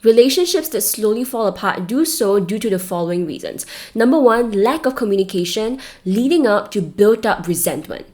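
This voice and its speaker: A woman's voice: medium pitch, animated, normal speed, hardly any pauses, a little mellow. A woman with a Singaporean accent giving a scripted advice talk, addressing the listener directly and with emphasis. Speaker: relationship advice host.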